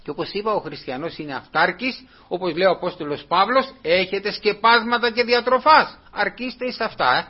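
High-voiced earnest man preaching. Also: few pauses, slightly rough. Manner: earnest, repetitive, addresses listeners as brothers. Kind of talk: sermon. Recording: dull lo-fi recording.

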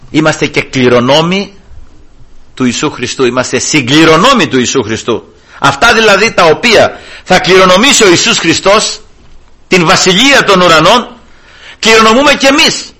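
Lively, bright-voiced preacher man. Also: on the high side, husky. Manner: emphatic, rhetorical questions, swings from loud to hushed. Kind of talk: sermon.

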